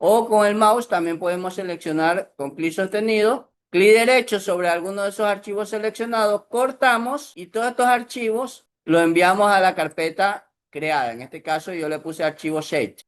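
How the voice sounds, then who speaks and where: Patient man teaching software. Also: sits high, normal speed, few pauses. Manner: patient, step-by-step explaining. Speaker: instructor. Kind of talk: screen-recorded software tutorial.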